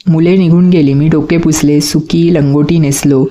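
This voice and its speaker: A narrator reading a storybook aloud at a steady pace. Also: mid-range voice, moderate pace. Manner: steady reading with acted dialogue.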